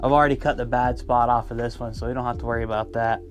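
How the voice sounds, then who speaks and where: A man's voice: mid-range voice, steady tone, fast, soft background music. A man talking casually to viewers from his boat, explaining step by step how he ties a fishing rig, with plenty of ums and restarts. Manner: chatty, lots of ums and restarts, addresses viewers as guys. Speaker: fishing vlogger. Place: on a boat on a river. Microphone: first-person camera.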